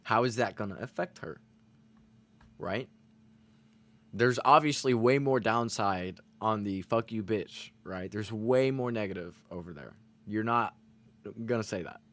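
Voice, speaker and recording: Guy rambling to his stream chat, earnest, swears a lot, lots of "like" and "you know", normal mid pitch. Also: a little slow, long pauses, fairly bright tone. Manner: rambling, swears freely, many fillers; earnest, self-reflective. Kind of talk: casual motivational talk to chat.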